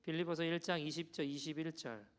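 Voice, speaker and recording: Higher-voiced Korean pastor preaching. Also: male voice, quick pace, clear, resonant tone. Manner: conversational preaching, animated storytelling with quoted voices. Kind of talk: sermon. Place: church sanctuary.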